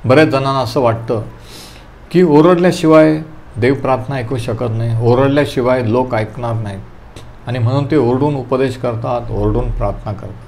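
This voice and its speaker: A man leading a Bible study, teaching calmly and telling listeners to underline verses, with English terms mixed in. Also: mid-range voice, moderate pace, gravelly, a little hiss or hum. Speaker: preacher.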